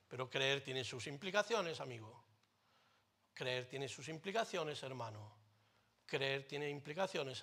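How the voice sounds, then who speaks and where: A pastor with a Spain Spanish accent preaching a sermon in church into a microphone. He swings between loud declarations and quiet, close asides, with light jokes along the way. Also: a little high.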